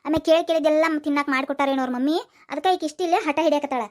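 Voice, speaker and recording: A woman's voice: high-pitched, steady tone, darkish tone, natural voice. A woman voicing a strict but kind young schoolteacher who coaxes and scolds in a North Karnataka Kannada accent. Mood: exasperated. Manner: coaxing then scolding, rapid and talky. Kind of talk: cartoon voice acting.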